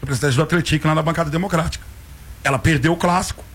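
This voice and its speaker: Sotaque mineiro, voz um pouco aguda e rouca, comentarista provocador. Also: male voice, a little high, steady tone, rapid-fire, husky. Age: 40s. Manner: teasing, playful banter. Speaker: sports radio co-host. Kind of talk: joking sports talk.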